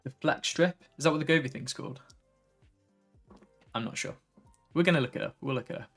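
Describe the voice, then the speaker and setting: A man talking through a relaxed evening tech livestream, his voice slightly gravelly and worn from a long day. He wanders from topic to topic and reads out viewer messages. Faint music plays quietly underneath. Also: a little high, a little fast. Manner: relaxed, tired, easily sidetracked, reads chat aloud. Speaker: tech streamer. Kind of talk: casual live stream chat.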